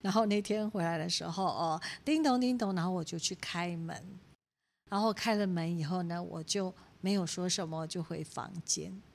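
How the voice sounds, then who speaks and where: A woman's voice: on the low side, moderate pace, vocal fry. A woman in her forties with a Taiwanese Mandarin accent, a pastor's wife giving a teaching talk full of personal stories, acting out quotes and laughing often. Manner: animated storytelling, acts out quoted speech, laughs often.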